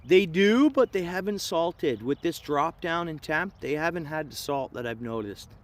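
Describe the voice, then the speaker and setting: Hosting a fishing livestream from an outdoor spot, a Canadian man with an Ontario accent chats laid-back with viewers, his slang full of "dude," "man," and "bro." His voice is a little high with lively intonation at a moderate pace, and the outdoor ambient noise is clear.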